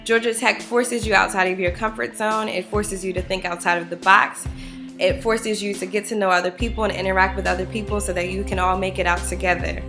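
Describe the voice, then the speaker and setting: A woman's voice: mid-range voice, fairly even intonation, brisk. A woman in her twenties, a graduate, speaking in an earnest, encouraging way to current students. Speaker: alum, supply chain coordinator. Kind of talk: motivational testimonial. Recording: music bed under speech.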